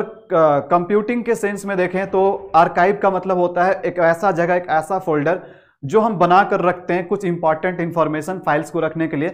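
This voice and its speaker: A man with a high voice gives an English vocabulary lesson. He keeps asking rhetorical questions and answers them himself. He reads the English definitions slowly and with care. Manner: repetitive, asks the class questions and answers them; mixes Hindi with English words and definitions. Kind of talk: explanatory lesson.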